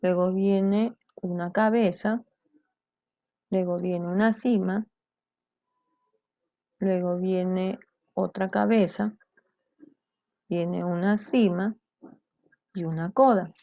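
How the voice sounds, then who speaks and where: A woman teaches a grammar lesson, patiently explaining each point and pausing to check that her students follow. Her voice is gravelly and warm. The recording is dry and a little muffled, with a lo-fi sound. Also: medium pitch, steady tone, dry recording. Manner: explanatory, checks in with "¿cierto?" and "¿bien?". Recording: dull lo-fi sound.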